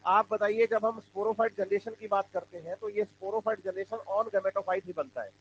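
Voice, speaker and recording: A man's voice: sits high, moderate pace. A male biology teacher lecturing a class, asking questions and having students answer back. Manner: call-and-response questioning. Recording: dull lo-fi classroom recording with faint hum.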